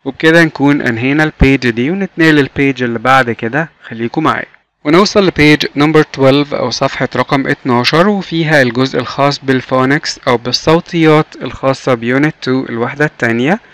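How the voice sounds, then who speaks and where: Egyptian man drilling words slowly. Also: medium pitch, fairly bright tone. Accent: Egyptian Arabic. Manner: drills words slowly, repeating each one three times. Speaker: English teacher for young children. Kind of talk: slow classroom lesson.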